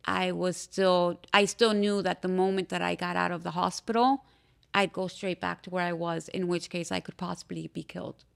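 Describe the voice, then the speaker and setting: A young woman from Miami, telling her own story as a podcast interview guest in a candid, halting way, with frequent fillers and restarts. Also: lowish voice, steady tone, vocal fry, clean tone. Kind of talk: personal testimony in a podcast interview.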